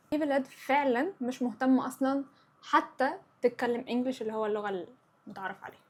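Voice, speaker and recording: Fast-talking Egyptian woman host, husky. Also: high-pitched. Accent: Egyptian Arabic. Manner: chatty, opinionated, mixes in English words. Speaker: podcast host. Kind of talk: casual chat.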